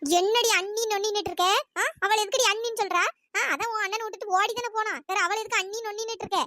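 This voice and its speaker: A sharp-tongued cartoon mother-in-law, voiced by the channel's performer who nags and accuses without pause. Her voice is very high and quick, and it sits dry and close. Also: fairly even intonation, dry recording. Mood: scolding. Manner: nagging, accusing, shouting insults. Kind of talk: cartoon story voice acting.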